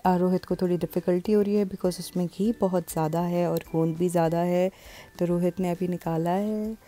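A woman's voice: fairly low pitch, fairly even intonation, normal speed, mellow. A woman casually narrating her family's morning routine for a vlog, mixing in English phrases. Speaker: vlogger.

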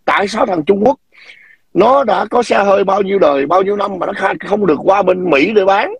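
A man hosting a livestream, ranting and scolding his viewers in a combative tone, often clearing his throat and demanding whether they understand. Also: high voice, fairly quick, dry recording. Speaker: livestream host.

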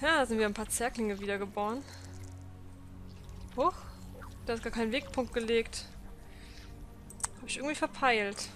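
A woman's voice: a little high, moderate pace, pauses often, fairly bright tone, soft background music. A young woman giving casual commentary as she plays a video game. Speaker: let's player.

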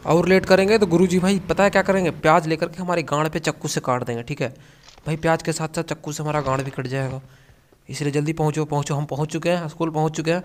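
A young man narrates a mobile shooter match in a comic, excitable voice-over. His voice sits slightly high, and he keeps up crude, rowdy jokes the whole way. A faint hiss runs under the recording. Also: fast. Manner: excitable, crude joking banter. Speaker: gaming commentator. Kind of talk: comedic gameplay voice-over.

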